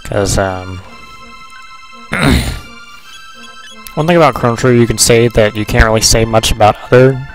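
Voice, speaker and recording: A man's voice: mid-range voice, a little slow, creaky, pauses often. A man giving casual, rambling, joking commentary as he plays a video game. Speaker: let's player. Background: video game music.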